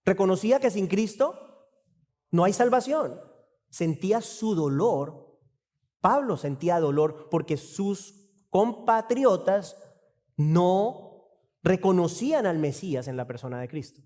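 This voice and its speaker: A man preaches an expository sermon in a church, with a long reverb trailing his words. His voice sits fairly high but sounds mellow. He asks rhetorical questions and acts out short bits of dialogue. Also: animated, measured pace, long pauses. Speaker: pastor.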